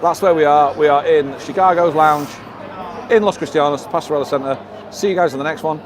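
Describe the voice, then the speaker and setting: Out in a seaside town and then inside a lounge bar, a man streams live as a vlogger, chatting and reading comments from viewers. His pitch is fairly high, his pace a little fast, and there's noise behind him.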